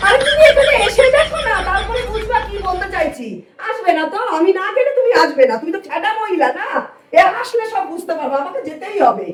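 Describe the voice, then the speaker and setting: A woman playing a shrill scolding mother-in-law. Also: animated, quick pace. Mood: shouting. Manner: calls out loudly, scolding. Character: fussy older mother-in-law, loud and scolding. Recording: echoey room, far from mic, faint hiss.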